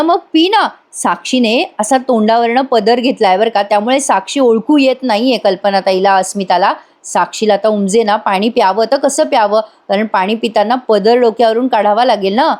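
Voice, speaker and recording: A woman's voice: on the high side, darkish tone. A woman giving a voice-over recap of a TV serial episode, briefly voicing each character's lines as she retells the scenes. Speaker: TV serial reviewer.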